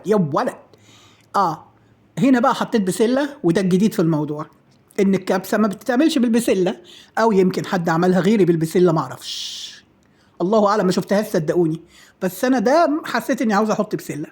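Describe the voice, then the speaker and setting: Middle-aged Egyptian woman, home-cooking vlog host, husky, rapid and playful patter. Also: mid-range voice, darkish tone. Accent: Egyptian Arabic. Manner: chatty, self-praising and playful, trailing off with fillers. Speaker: home cook and channel host. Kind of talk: casual cooking chat to followers.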